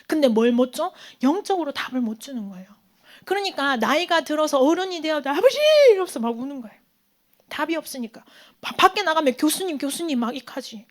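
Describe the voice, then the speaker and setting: A woman's voice: high voice, animated, a little fast. A woman preaching a sermon to a church youth group, asking questions and answering them herself, sometimes dropping into a whisper. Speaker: youth pastor. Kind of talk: sermon to teenagers. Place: church hall.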